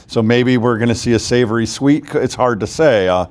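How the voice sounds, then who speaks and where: A man co-hosts a relaxed interview show, upbeat and quick with a joke. He often stumbles and restarts mid-sentence. His voice sits at an ordinary middle pitch. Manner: upbeat, jokey, hesitant restarts. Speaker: co-host. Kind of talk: casual interview chat.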